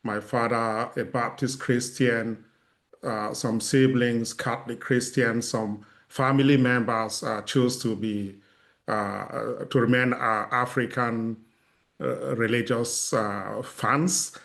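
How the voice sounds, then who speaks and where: Man, middle-aged, from Cameroon, panelist, measured, hesitant, video call. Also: medium pitch, steady tone, creaky, fairly bright tone. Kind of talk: casual self-introduction.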